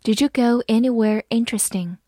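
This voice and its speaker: A woman teaching English vocabulary. She spells words out letter by letter and repeats phrases slowly. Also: a little high, mellow, no room sound, clean studio sound. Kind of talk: vocabulary lesson with slow read-alouds.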